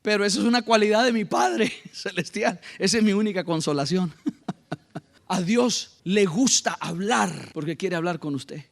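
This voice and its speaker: A male pastor, preaching a lively sermon that swells into shouts, with joking asides to the congregation. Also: high-pitched, a little slow, creaky.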